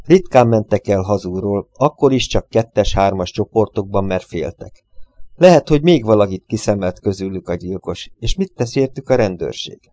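A man narrating an audiobook in a steady, measured way. His voice is low and mellow, and the recording is dry and close, with no room sound. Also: dry recording.

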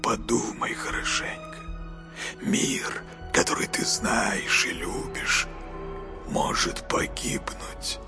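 Guy doing a creepy boy spirit familiar, all hissing whisper, low and breathy, soft music behind. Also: takes it slowly. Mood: urging.

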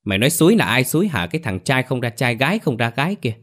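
A man voicing a furious middle-aged mother who hurls rapid, scornful insults in a ghost story audiobook. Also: fairly low pitch, expressive, fairly bright tone.

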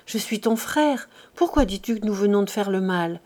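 A woman reading the part of an anxious, tender young man in love in an audiobook, gentle in manner. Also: mid-range voice, expressive, moderate pace, natural voice.

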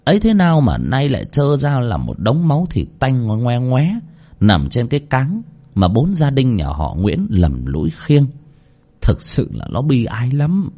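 Man narrator, horror tale, dramatic, lively pitch. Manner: dramatic, vivid reading. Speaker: storyteller. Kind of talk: scripted horror story narration.

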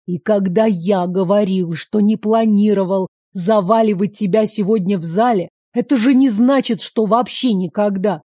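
A woman voicing a blunt, gruff young man, speaking curtly and roughly. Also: mid-range voice, moderate pace, hardly any pauses, warm tone, no room sound, clean studio sound, natural voice. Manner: curt, rough-spoken.

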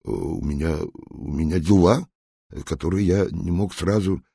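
A man's voice: low-pitched, moderate pace, creaky, warm tone, breathy edge, dry recording, studio quality, exaggerated voice. A man voicing a frightened, indignant English male spy in an audiobook. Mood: flustered. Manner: indignant, panicky.

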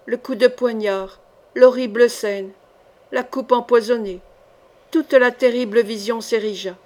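Lady reading an old cape and sword novel, calm expressive audiobook narration, slightly high voice. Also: measured pace. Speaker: audiobook reader.

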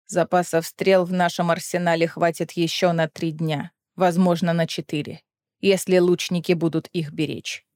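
A woman reading an audiobook, voicing an old male dignitary who speaks in a grave, measured way. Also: lowish voice, level tone, darkish tone, no room sound, studio quality, pitched below the performer's own voice, close to an everyday voice. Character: old male dignitary, calm, iron composure.

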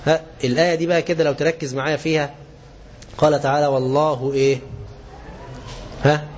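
An Egyptian man teaching a religious lesson in a somewhat high voice, quizzing his class and answering himself. He slows right down to stress each quoted verse. The recording is dull and lo-fi, with a faint hiss behind him. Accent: Egyptian Arabic. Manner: lively, asks the class questions and answers them. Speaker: sheikh giving a religious lesson.

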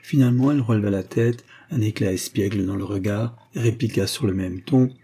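A man narrating an audiobook in measured, steady storytelling. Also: fairly low pitch, breathy edge. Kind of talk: scripted narration.

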